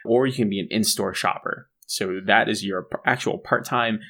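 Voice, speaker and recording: Chatty low-voiced male co-host. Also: moderate pace, creaky, sharp tone. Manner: chatty, restarts and fillers, laughs at own jokes. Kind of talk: casual podcast explainer.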